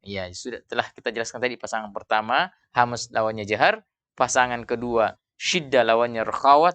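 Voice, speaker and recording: A man's voice: mid-range voice, sharp tone, smooth, no room sound. A man teaching a tajwid lesson, explaining steadily and often saying "iya" between points. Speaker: Quran recitation teacher. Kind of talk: tajwid lesson with call-and-repeat.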